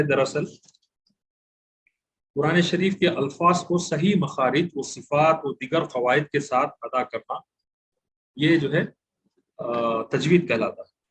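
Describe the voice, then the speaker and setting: A man from India teaching Quran recitation in a religious lecture. He says single letters slowly and carefully and pauses to think. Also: a little high, slight background noise, low-quality recording.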